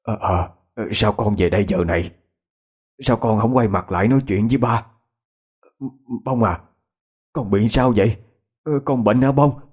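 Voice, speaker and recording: Narrator voices an older father, gentle and worried; low, husky and halting. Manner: hesitant, coaxing, stammering.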